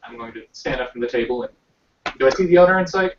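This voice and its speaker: A man playing a tabletop game, talking in a polite, deliberate way. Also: medium pitch, expressive, a little hiss or hum. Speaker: player. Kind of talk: casual tabletop game talk. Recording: roomy, distant, dull amateur recording.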